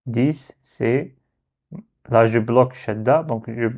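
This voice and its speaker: A man's voice: mid-range voice, slow, a little mellow. A man teaching a recorded reading lesson, patiently stretching and repeating syllables for learners. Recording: slightly dull lo-fi recording.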